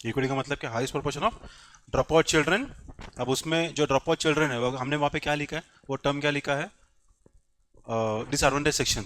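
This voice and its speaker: A man's voice: a little high, fairly bright tone. A man giving a classroom lecture as a coaching teacher, mixing Hindi and English, quizzing the class and repeating key points. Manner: switches between Hindi and English mid-sentence.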